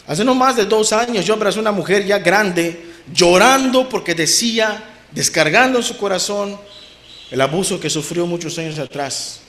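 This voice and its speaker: A middle-aged male pastor preaching with passion, his fairly high voice dropping soft and then rising loud to stress a point. The recording has a roomy echo. He talks straight to the congregation. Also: normal speed. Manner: impassioned, swings from soft to loud emphasis. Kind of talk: sermon.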